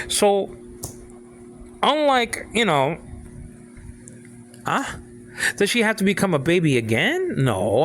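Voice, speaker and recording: A man of sixty giving an informal talk on faith, halting and repeating himself, often asking if the listener follows. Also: high voice, a little hiss or hum. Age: 60s. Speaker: father speaking on faith.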